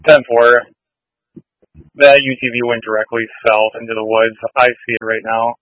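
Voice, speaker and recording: A police officer speaking over a police radio transmission, terse and using radio codes. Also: male voice, mid-range voice, steady tone, normal speed, fairly bright tone, no echo. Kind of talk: radio dispatch traffic. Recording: muffled lo-fi radio audio.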